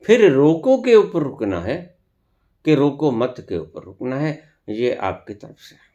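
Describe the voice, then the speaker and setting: Slow, lively-toned spiritual teacher. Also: male voice, mid-range voice, muffled recording. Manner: slow, deliberate, with long pauses and scolding rhetorical questions. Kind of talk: spiritual discourse.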